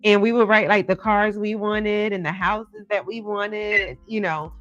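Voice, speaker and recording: A woman's voice: medium pitch, steady tone, a little slow, a bit bright. A woman hosting a live psychic hotline as a tarot card reader, talking in a conversational, encouraging and directive way. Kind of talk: psychic hotline patter and casual advice. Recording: dull lo-fi sound with music behind.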